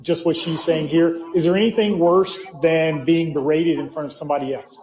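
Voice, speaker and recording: Man lecturing, somewhat high, muffled echo. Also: fairly even intonation, normal speed, a little mellow. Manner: joking, informal lecturing. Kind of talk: conference talk. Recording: echoey, dull hall sound.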